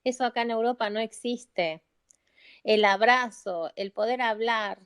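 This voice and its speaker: A woman's voice: fairly high pitch, a little slow, clean tone. A middle-aged woman with an Argentine Spanish accent, a psychologist making a heartfelt, pleading appeal to listeners on a live audio chat, repeating phrases for emphasis. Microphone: phone or computer mic in a live audio room.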